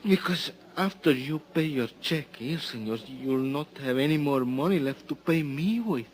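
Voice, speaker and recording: A man's voice: fairly high pitch, expressive, moderate pace, close to an everyday voice. Man voicing a bellboy, hesitant, deferential, old radio drama. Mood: eager. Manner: hesitant, deferential, says senor often. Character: nervous young male hotel bellboy, eager for tips. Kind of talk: 1950s radio drama acting.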